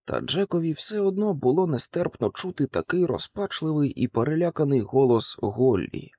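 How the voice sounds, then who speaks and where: A male audiobook narrator reading a children's fantasy in an expressive, dramatic way. His pitch moves in a lively arc across each phrase, and the recording is close and dry. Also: moderate pace, dry recording. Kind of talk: scripted narration.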